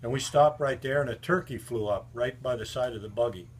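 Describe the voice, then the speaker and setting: An older man tells stories about an old friend in a casual, folksy way. His tales ramble along with plenty of fillers and asides, and his voice sits at an ordinary middle pitch. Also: fairly quick, breathy edge. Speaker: friend giving a book endorsement. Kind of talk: casual storytelling.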